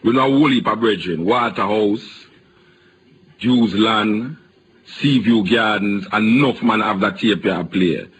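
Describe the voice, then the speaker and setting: A Jamaican man hosting a radio interview, telling stories in animated patois. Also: lowish voice, unhurried, background noise. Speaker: radio host.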